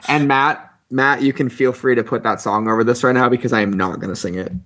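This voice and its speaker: A man chatting casually as a podcast guest, joking and rambling with animated asides. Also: mid-range voice, fairly quick.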